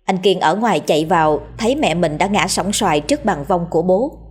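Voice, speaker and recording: A woman narrating a horror story in a steady, dramatic reading. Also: fairly low pitch, brisk, breathy edge. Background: faint music.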